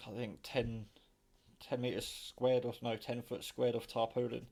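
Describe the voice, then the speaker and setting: A British man gives a casual, unscripted kitchen demo of his own radio build, speaking informally with mild swearing and plenty of rambling. His mid-range voice is a little mellow, delivered flatly at a measured pace.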